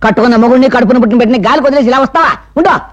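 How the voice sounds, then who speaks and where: A woman's voice: fairly high pitch, rapid-fire, dull audio, close to an everyday voice. An actress playing an old grandmother who scolds a mother for abandoning her family. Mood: scolding.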